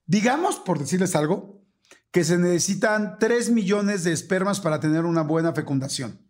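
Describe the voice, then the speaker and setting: A Mexican man in his forties hosts a relaxed podcast chat. His voice sits a little higher than most men's. He tells an anecdote with gusto and slips into quoted voices as he goes. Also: moderate pace. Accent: Mexican Spanish. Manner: animated, acts out dialogue in quoted voices. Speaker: podcast host. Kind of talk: casual storytelling chat.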